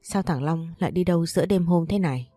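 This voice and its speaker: Woman voicing an anxious old mother, quick questions, low mellow voice. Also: no room sound, faint music behind, natural voice. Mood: worried. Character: worried elderly mother-in-law.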